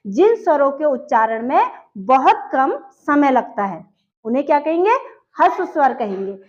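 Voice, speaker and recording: High-voiced woman teaching, dull recording. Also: sing-song, normal speed, darkish tone. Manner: asks questions and answers them herself. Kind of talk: classroom-style grammar lesson. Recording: dull lo-fi sound.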